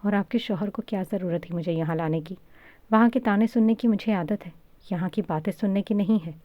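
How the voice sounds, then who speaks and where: A woman's voice: fairly low pitch, fairly even intonation, dry recording, lo-fi sound, lightly acted. A woman voicing a defiant, hot-tempered young woman who snaps back angrily. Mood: angry. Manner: sharp, angry retorts.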